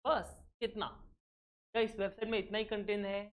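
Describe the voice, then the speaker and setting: A man's voice: sits high, level tone, moderate pace. Accounting teacher, male, lecture style, fires rhetorical check questions, drops in English terms. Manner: keeps asking the class rhetorical check questions; mixes English terms into his explanation. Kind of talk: recorded exam-prep lecture.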